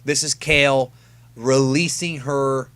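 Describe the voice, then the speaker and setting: A man's voice: medium pitch, steady tone, slow pace, a bit bright, clear, resonant tone. Man giving casual anime preview commentary. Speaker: YouTube host reviewing an anime episode preview. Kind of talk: casual fan commentary, talking through preview shots.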